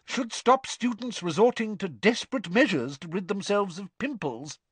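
A brisk, no-nonsense woman teacher fills the storybook with bossy orders, as a male reader voices her. The voice sits far above a man's natural register and swings widely in pitch. It is close and dry, with no room around it. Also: animated, husky, dry recording. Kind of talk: audiobook character voice.

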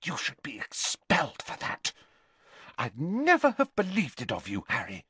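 A man's voice: sits high, huge pitch swings, unhurried, dry recording, voice pushed up, full character voice. A man reading aloud and voicing an indignant teenage schoolgirl who scolds in a raised, alarmed voice. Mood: hissing.

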